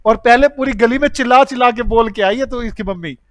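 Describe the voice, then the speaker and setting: A male accounting teacher telling a lively classroom story, acting out the characters' lines in a raised voice. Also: very high-pitched, fairly quick, no room sound.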